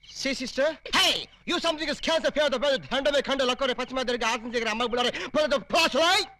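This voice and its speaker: A slow-talking comic brother who mangles English into nonsense. His voice is high and bright, and every sentence halts and stumbles. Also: huge pitch swings, full character voice. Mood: scolding. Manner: garbled, halting broken English, slow. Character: brother who talks in broken English, man. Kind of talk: Telugu film comedy acting.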